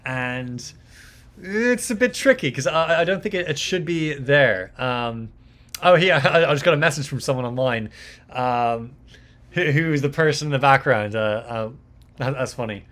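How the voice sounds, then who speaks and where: Hosting a live mixing stream, a young man who works as a mixing engineer chats casually, rambling with lots of fillers and repeated words. His medium-pitched voice is a bit bright, with lively intonation at a normal pace.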